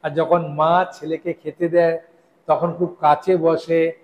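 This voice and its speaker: A man preaching a devotional sermon to a live audience, speaking slowly and deliberately and often checking in with his listeners with questions. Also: a little high, little pitch movement, highs cut off. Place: hall with a gathered audience. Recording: echoey hall.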